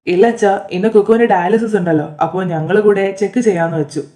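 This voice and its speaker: A woman voicing a young adult son who explains things to his father in a brisk, matter-of-fact way. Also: mid-range voice, mellow, lightly acted. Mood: practical.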